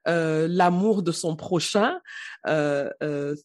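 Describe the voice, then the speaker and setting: A woman's voice: deep voice, dry recording. A woman hosting an interview, full of admiration, who keeps restarting her sentences as she searches for words. The sound is dry and close to the mic. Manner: admiring, halting with many restarts. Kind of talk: interview conversation.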